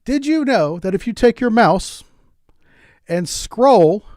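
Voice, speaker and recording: A man's voice: high-pitched, lively intonation, takes it slowly, darkish tone, no echo, clean studio sound. A middle-aged man from the United States streaming a game in a casual, rambling, joking way, often repeating words as he goes. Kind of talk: casual gameplay commentary.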